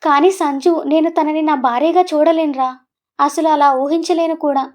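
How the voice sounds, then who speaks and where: A woman's voice: high voice, steady tone, normal speed, darkish tone, lightly acted. A woman voicing a young man, an earnest and troubled husband, in a serious, pleading way.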